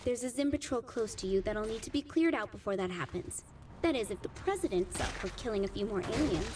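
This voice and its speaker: An actress voicing a dry, sarcastic female hacker press secretary in a video game, teasing and brisk over the radio. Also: a little high, animated, darkish tone, a little hiss or hum, lightly acted.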